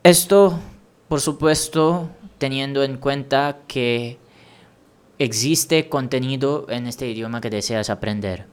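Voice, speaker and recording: On his language-learning podcast, an Indian man speaks solo in a clear, resonant, medium-pitched voice. He gives advice in an unhurried, encouraging manner, sometimes backing up to restart a phrase.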